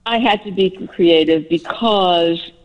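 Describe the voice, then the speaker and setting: An older woman with a Bronx accent, from the Bronx in New York, chats as a guest on a radio interview, telling stories and cracking jokes at her own expense. Her voice is fairly low and slow, and the recording has its high frequencies cut off.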